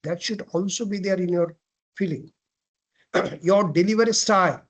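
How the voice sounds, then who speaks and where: A man giving a classroom lecture on presentation skills, asking questions and answering them himself, often clearing his throat and restarting phrases. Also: high-pitched, moderate pace. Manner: frequent throat clearing and self-corrections.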